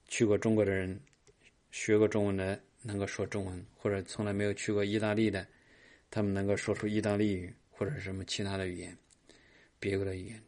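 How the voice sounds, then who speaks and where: A man preaching a charismatic sermon, praying and teaching in short, repeated phrases with frequent filler particles. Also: low-pitched.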